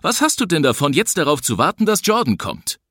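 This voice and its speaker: A man's voice: a little high, huge pitch swings, brisk, fairly bright tone, no room sound, studio quality, voice pushed up, exaggerated voice. A man doing an agitated, skeptical townsman. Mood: challenging. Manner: challenging, rising questions.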